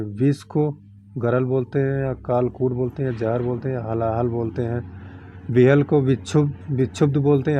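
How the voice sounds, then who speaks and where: A man's voice: mid-range voice, dark tone, slight background noise. A man teaching an exam-prep lesson, rattling off long lists of synonyms in set phrases and reminding students what to memorise.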